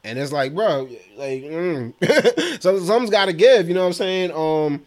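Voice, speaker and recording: A man co-hosting a podcast, telling animated, slangy stories and laughing often, in casual chat. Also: sits high, unhurried. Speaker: podcast co-host.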